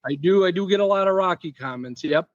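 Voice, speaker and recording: A man's voice: high-pitched, fairly quick, no echo. Easygoing man on a dull, dry line. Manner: easygoing, joking storyteller. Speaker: podcast guest, packaging inventor. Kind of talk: casual interview chat.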